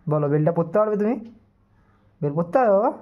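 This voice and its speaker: A man's voice: sits high, animated, fast. A man vlogging as he plays with his pet dog, coaxing and teasing it in affectionate baby talk. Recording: dull lo-fi phone audio.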